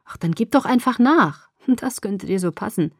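A woman's voice: mid-range voice, lively intonation, normal speed, darkish tone, breathy edge, no echo. Woman reading as a sulky stubborn young woman stuck in a hospital bed, dry close sound. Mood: defiant.

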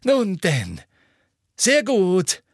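A man doing a pompous, gloating minister, pitched high and barking his words out loud. He swings his voice up and down with relish. The sound is dry and close. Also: animated, moderate pace, no echo. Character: blustering gloating middle-aged male minister.

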